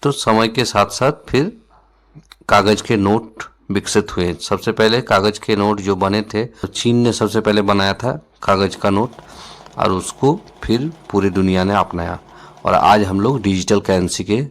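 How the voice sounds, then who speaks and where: A man presenting an explanatory lesson, going slowly and repeating each word several times so viewers can follow. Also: fairly low pitch. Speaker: educational video presenter.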